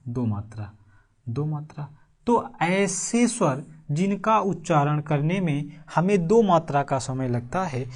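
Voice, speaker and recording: In an online exam-prep lesson, a Hindi teacher with a mid-range voice drills key phrases word by word, repeating them slowly. The teacher keeps putting rhetorical check-up questions to the class.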